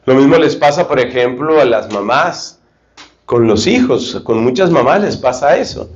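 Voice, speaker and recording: A male preacher giving a sermon, telling stories lively and acting out short dialogues. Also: mid-range voice, moderate pace. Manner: lively storytelling, acts out dialogues. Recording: roomy, slightly dull recording.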